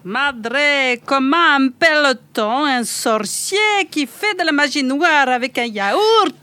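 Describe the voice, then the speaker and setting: A woman putting on a mock Italian accent to tell a joke slowly. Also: high voice, animated, pushed and bright, exaggerated voice. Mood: teasing. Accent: Italian, put on.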